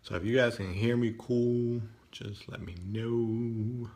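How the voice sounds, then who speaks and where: A man's voice: medium pitch, level tone, slow, a little mellow. A man hosting a live stream in a casual, conversational way, still in his morning voice and often checking in with listeners with "right?".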